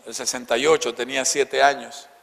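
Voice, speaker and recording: Gravelly fifty-something preacher, santa cruz bolivian accent, storytelling, goes soft and hushed, big echoey church hall. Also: male voice, medium pitch, steady tone, brisk. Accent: Bolivian Spanish, Santa Cruz. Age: 50s. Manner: storytelling, dropping to soft, hushed tones for tender passages. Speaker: pastor. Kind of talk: sermon.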